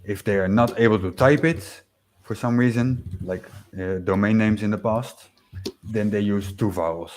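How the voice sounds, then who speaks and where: Reading out viewer comments, a Dutch-accented livestream host from the Netherlands, a native Dutch speaker, rambles casually with many fillers, restarts and little laughs. The audio is poor, and his lowish voice is a little mellow.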